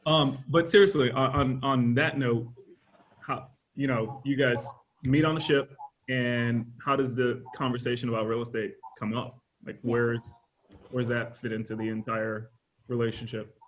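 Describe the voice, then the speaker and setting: A man's voice: mid-range voice, steady tone, measured pace, slight background noise, rough recording. A man co-hosting a casual video call chat, curious and given to jokes. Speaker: co-host.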